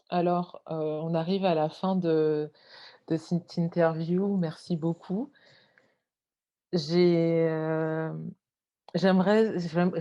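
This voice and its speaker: Low, mellow-voiced woman host. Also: dull audio. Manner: halting, many fillers. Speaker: podcast host. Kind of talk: interview questions.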